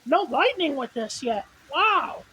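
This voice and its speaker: Very high voice, woman, excitable shouting storm commentary, lively swooping pitch, rain in background. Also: slow. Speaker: amateur storm chaser filming a video. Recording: noisy outdoor storm recording with rain. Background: rain and storm ambience.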